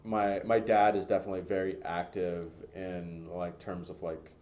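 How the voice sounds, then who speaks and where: A man with a very deep voice hosts a relaxed podcast conversation. He feels his way through his questions, with plenty of fillers and restarts along the way. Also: normal speed. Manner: searching, filler-heavy questioning. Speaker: podcast host. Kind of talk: casual interview chat.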